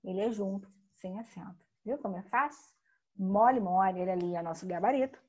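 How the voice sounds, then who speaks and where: A woman teacher giving a recorded grammar lesson, explaining slowly and emphatically with frequent tag questions. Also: medium pitch, slightly rough.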